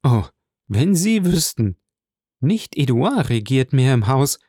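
A man's voice: mid-range voice, big pitch swings, takes it slowly, warm tone, slightly rough, no room sound, studio quality, heavily acted. A man voicing an anxious, earnest young woman in love, speaking in a pleading, emotional way in an audiobook. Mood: agitated.

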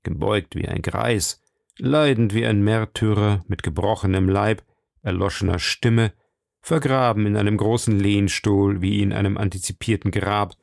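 A man narrates an audiobook in a steady, measured way. His voice sits fairly low. The recording is dry and close. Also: creaky, no room sound. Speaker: audiobook reader. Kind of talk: scripted narration.

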